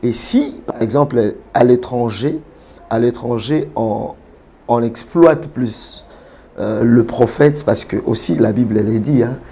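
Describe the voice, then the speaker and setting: A man from Kinshasa, a pastor and prophet, answering interview questions in a measured way with many hesitations. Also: medium pitch, dark tone, slightly rough. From Congo (Kinshasa).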